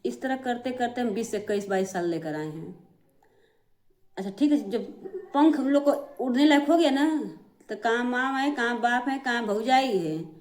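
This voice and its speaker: A woman's voice: fairly high pitch, normal speed, darkish tone. A middle-aged woman, vlogging to camera and airing family grievances in an aggrieved, repetitive way. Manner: aggrieved, repetitive, addresses viewers directly. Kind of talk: emotional family complaint to camera.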